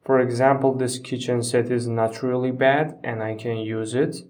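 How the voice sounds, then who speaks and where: A man narrates a step-by-step software tutorial haltingly, phrase by phrase, using non-native phrasing. His voice is mid-range with fairly even intonation, captured on a distant microphone.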